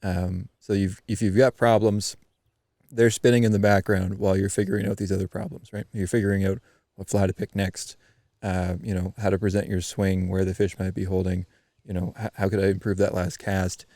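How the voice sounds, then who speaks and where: A man from eastern Canada, a podcast guest, telling a story in a loose, animated way with many ums and restarts. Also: low-pitched, brisk, dry recording, studio quality. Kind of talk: casual storytelling chat.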